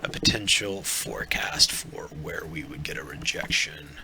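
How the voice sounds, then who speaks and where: A man's voice: very deep voice, unhurried, bright, forceful tone, whispered. A man hosting a live trading stream, casually thinking aloud through charts with lots of fillers and restarts. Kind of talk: live forex chart walkthrough. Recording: noisy live stream audio.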